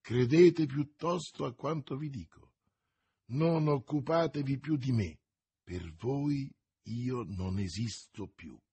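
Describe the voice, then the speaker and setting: A man's voice: mid-range voice, lively intonation, a little slow, darkish tone, slightly rough, dry recording. A man voicing a secretive young woman in an audiobook, speaking seriously and pleadingly. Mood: earnest. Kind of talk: audiobook reading.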